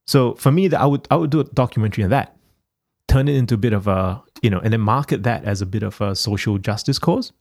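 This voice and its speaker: A man's voice: fairly low pitch, fast, gravelly, a little mellow, dry recording, clean studio sound. A man from Singapore in casual chat, rambling with many restarts and fillers.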